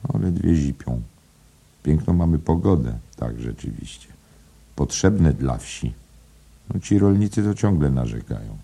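A man's voice: a bass voice, animated, measured pace, gravelly, dark tone, slightly rough, exaggerated voice. A man voicing a chatty, self-satisfied middle-aged salesman ordering a drink.

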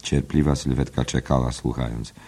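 A man reading a literary novel aloud as narrator, in a measured, even manner. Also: extremely low pitch. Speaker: audiobook narrator.

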